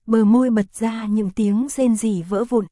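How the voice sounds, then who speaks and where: A woman narrating an adult audio story in a steady, even reading voice. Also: fairly high pitch, measured pace, no echo, clean studio sound. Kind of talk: scripted narration.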